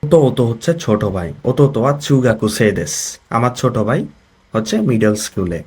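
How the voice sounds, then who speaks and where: A man's voice: medium pitch, animated, a little fast, darkish tone, breathy edge. A man with a Bangladeshi accent teaching a Japanese vocabulary lesson. He explains each word, reads an example sentence and translates it, often checking that the learners follow.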